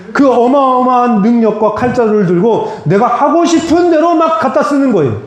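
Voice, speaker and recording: A man's voice: extremely high pitch, a little mellow. A man preaching a sermon as pastor, earnest and direct, speaking plainly to his congregation. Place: church sanctuary. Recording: very echoey church hall.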